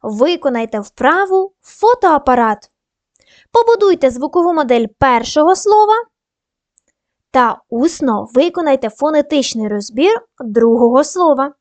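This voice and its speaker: A woman teaching a primary school video lesson, giving patient, clear instructions and spelling out sounds and syllables one by one. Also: sits high, expressive, a little slow, a little mellow, no echo.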